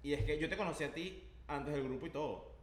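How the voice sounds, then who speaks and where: A man's voice: on the high side, fast. A man with a Venezuelan accent, a podcast guest telling stories in casual chat and acting out quoted remarks. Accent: Venezuelan Spanish. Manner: animated storytelling, acts out quoted remarks. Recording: echoey room with faint noise.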